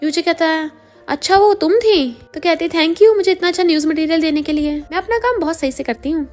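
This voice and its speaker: A woman narrating a drama plot in a fast, casual recap, voicing each character's lines herself with light shifts. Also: very high voice, a little mellow, faint music behind. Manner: quotes every character in her own voice with light shifts.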